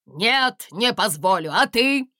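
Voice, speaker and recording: A woman's voice: on the high side, expressive, slow, pushed and bright, no echo, clean studio sound, exaggerated voice. A woman reading aloud and voicing a bossy, grumpy middle-aged king. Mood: indignant.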